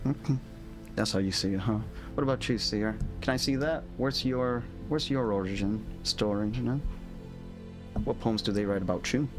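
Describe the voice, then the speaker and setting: A man's voice: fairly low pitch, moderate pace. A man playing a tabletop game in character, defiant and sarcastic, often laughing. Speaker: player. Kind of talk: in-character tabletop role-play. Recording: music playing behind.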